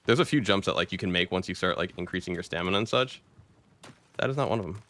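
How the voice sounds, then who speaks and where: Chatting over his match, a male game streamer keeps things relaxed and loose, dropping slang and saying "bro" and "dude" a lot. His voice is somewhat low and his pace quick in this casual gameplay commentary.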